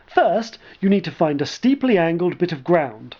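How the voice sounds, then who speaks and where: A man's voice: fairly high pitch, big pitch swings, moderate pace, warm tone. A man voicing a young, nervous male army lieutenant who speaks politely and hesitantly, eager to please, in a dull lo-fi recording. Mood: reassuring.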